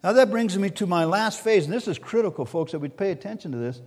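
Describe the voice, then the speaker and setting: A man preaching a sermon as pastor, swinging between soft and loud and repeating key words. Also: high-pitched, lively intonation, fast talker, in a large hall.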